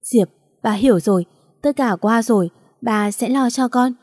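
A bitter, vengeful middle-aged father hurls loud accusations, as a woman storyteller voices him. His voice is warm and mellow, recorded dry and close with no room sound. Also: fairly high pitch, normal speed, dry recording, natural voice. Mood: tender, tearful.

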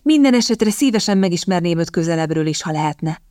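A woman voicing a timid young lady with a high, girlish voice who stammers and hesitates. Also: expressive, dark tone, no echo, studio quality, close to an everyday voice. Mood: bashful.

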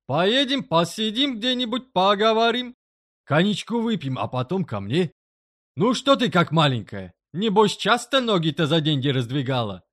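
A woman voicing a crude, menacing middle-aged male boss who growls threats in a low, rough voice. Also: very animated, moderate pace, a bit bright. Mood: leering.

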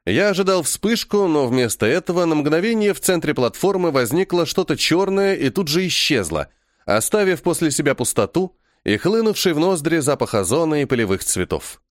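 A man narrating a first-person science fiction audiobook in an expressive storytelling manner. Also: on the high side, moderate pace, no room sound, studio quality.

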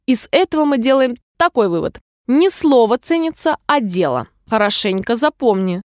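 A woman's voice: on the high side, big pitch swings, normal speed, dry recording, clean studio sound. A woman voicing a preachy, fawning old duchess in a storybook reading, lecturing with sugary moral lessons.

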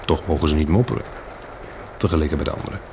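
A man's voice: rumbling low, rapid-fire. A man acting a caring, practical survivor named Bill in a Dutch radio play. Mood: weary, intimate. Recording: noisy old radio drama recording.

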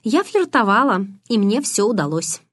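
A shy but stubborn teenage girl, earnest and curious, as a woman reads her in an audiobook. Her voice is soft and earnest, recorded close and dry. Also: medium pitch, big pitch swings, moderate pace, dry recording, voice pushed up. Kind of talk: audiobook reading.

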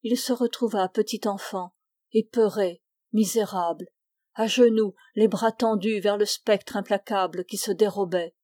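A woman narrating a classic novel as an audiobook in a measured, expressive way. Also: mid-range voice, dry recording, studio quality. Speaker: audiobook reader.

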